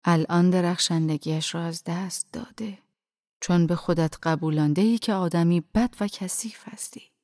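A woman reading an audiobook voices a calm, wise old male dervish, speaking quietly, firmly and gently, often half-whispered. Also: lowish voice, no room sound, studio quality, natural voice. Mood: gentle earnest. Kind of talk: audiobook narration.

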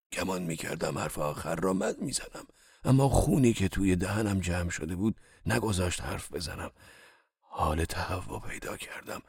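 A man narrating a story in the first person, reading with expressive, dramatic delivery. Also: on the low side, gravelly, slightly rough. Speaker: audiobook narrator.

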